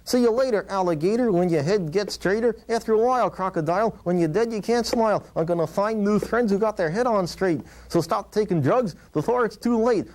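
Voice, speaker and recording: A man voicing a cheeky, wisecracking boy ventriloquist dummy in a squeaky, eager puppet-show voice. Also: a little mellow. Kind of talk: puppet show comedy patter.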